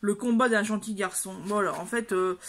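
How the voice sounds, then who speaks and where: A woman's voice: medium pitch, steady tone, normal speed. A woman book vlogger in casual chat at home, rambling with lots of fillers and restarts. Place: at home, by her bed.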